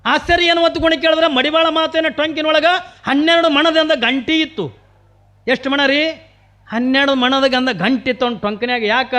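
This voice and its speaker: A man's voice: extremely high pitch, bright, forceful tone. A man telling a devotional story as a purana preacher, sing-song and full of rhetorical questions.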